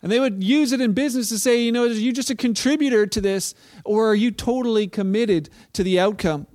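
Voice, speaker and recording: A man's voice: high-pitched, a little fast, a little mellow. A middle-aged man giving a sermon as pastor, conversational and storytelling, with frequent restarts.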